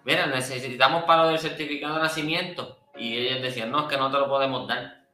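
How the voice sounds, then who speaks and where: A man's voice: medium pitch, fairly even intonation, fast, pushed and bright, echoey room, faint music behind, rough recording. A man sharing a personal faith testimony in a conversational, earnest way, often restarting his sentences. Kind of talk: testimony, casual speech.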